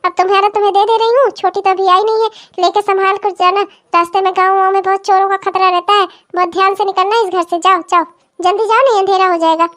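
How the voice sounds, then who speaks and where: A scheming old cartoon mother-in-law who rules her household with threats and coos over her own daughters. The voice is shrill and very high, with a bossy, scolding bite. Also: steady tone, quick pace, fairly bright tone. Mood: hurried. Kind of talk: cartoon comedy voice acting.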